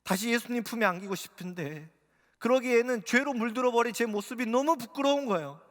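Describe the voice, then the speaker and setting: A man's voice: very high voice, fairly quick, fairly bright tone. A male pastor preaching a sermon, telling a personal story with growing emotional intensity. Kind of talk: sermon testimony. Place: church sanctuary. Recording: long reverb of a church hall.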